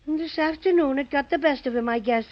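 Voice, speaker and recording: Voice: high-pitched, quick pace, close to an everyday voice. An actor voicing a small, boastful but kindly Irish teddy bear in a 1930s children's radio serial, with a jaunty brogue. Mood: matter-of-fact. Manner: jaunty, playful storybook brogue. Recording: dull vintage 1930s radio recording.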